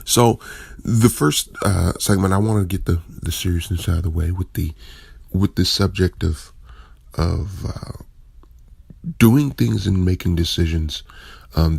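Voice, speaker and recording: A man's voice: sits low, creaky, darkish tone, breathy edge, no room sound. A man hosting a casual solo podcast, sounding groggy and unwell, rambling informally and correcting himself as he goes. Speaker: podcast host.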